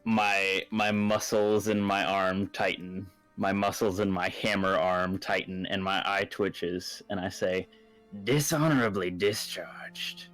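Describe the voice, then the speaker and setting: A man playing a tabletop game, describing his character and speaking lines in a forceful, declamatory way. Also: deep voice, completely flat delivery, measured pace, hardly any pauses, smooth, soft background music, poor audio. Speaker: player. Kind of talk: casual tabletop play with in-character speech.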